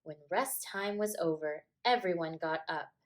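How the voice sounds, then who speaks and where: A woman with a lowish voice, a teacher, reads a picture book to children. Her storytelling is measured and expressive.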